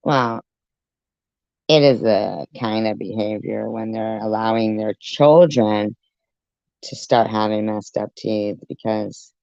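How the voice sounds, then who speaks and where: A commentator with a deep pitch-shifted voice, reacting to a clip with blunt, profane sarcasm. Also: takes it slowly, vocal fry, darkish tone, dry recording, muffled recording. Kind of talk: ranting commentary.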